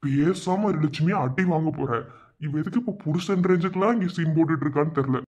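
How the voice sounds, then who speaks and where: A woman acting an exasperated young man who keeps telling his sister to be quiet. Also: low voice, quick pace, background noise, natural voice. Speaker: comedy skit actor.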